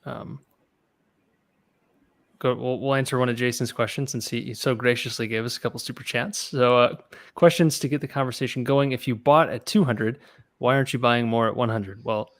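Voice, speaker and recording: A man's voice: mid-range voice, moderate pace, dry recording. Man with a dry close voice, upbeat. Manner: lively, laughing easily, loose restarts. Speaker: podcast co-host reading chat questions. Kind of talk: casual investing podcast talk.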